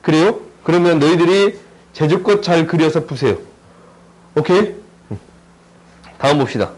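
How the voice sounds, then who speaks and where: A man teaching a recorded math lesson in a chatty, joking way, checking in with his students through constant quick questions as he works through a graph problem. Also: on the high side, darkish tone, rough recording. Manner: jokey, chatty, asks students lots of tag questions.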